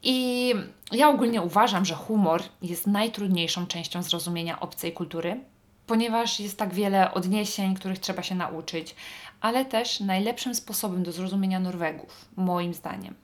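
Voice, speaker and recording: A woman's voice: medium pitch, normal speed. A Polish woman hosting a podcast, talking in a chatty, wry monologue with frequent fillers. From Poland. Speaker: podcast host. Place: northern Norway.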